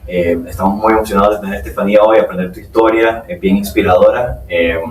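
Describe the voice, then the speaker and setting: Low-voiced male podcast host, echoey room. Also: fairly even intonation, fast. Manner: rambling questions with many fillers. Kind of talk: hosting an interview. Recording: echoey room, distant mic.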